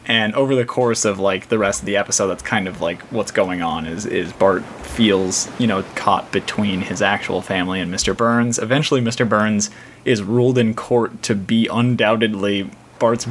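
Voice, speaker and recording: A man's voice: on the low side, a bit bright, slight background noise. A man co-hosting a podcast in casual chat, laughing often and using many fillers. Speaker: podcast co-host.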